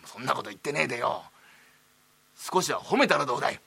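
A man playing a rough-talking Edo townsman who grumbles and teases at a banquet. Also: medium pitch, expressive, fast, sharp tone, exaggerated voice. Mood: grumbling. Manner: blunt, teasing, grumbling.

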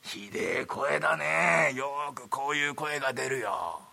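A man playing a rough-talking Edo townsman who grumbles and teases at a banquet. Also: medium pitch, unhurried, sharp tone, exaggerated voice. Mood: grumbling. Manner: blunt, teasing, grumbling.

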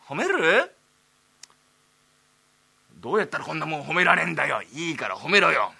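A man playing a rough-talking Edo townsman who grumbles and teases at a banquet. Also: a little high, big pitch swings, moderate pace, bright, forceful tone, exaggerated voice. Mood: grumbling. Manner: blunt, teasing, grumbling.

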